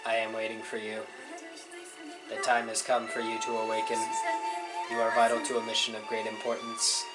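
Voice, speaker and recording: A man's voice: on the low side, moderate pace, lightly acted. Fi, a man doing a robotic sword spirit. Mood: solemn. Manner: flat robotic delivery. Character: robotic female sword spirit, calm and formal. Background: game music.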